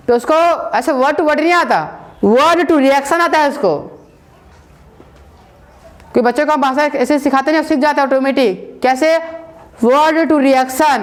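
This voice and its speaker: A woman teaching a spoken English class in a casual, repetitive way, often checking with her listeners and mixing English words into her talk. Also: sits high.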